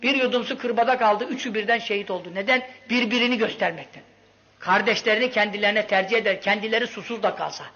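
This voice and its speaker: A man preaching a sermon with impassioned storytelling, swinging from loud outbursts to hushed lines. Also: sits high, fairly even intonation, quick pace. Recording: dull lo-fi recording.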